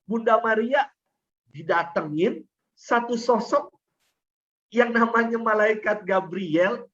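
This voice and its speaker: Heartfelt priest preaching over dull webinar audio. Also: male voice, very high voice, fairly bright tone. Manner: emotional storytelling, repeats phrases for emphasis. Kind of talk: sermon.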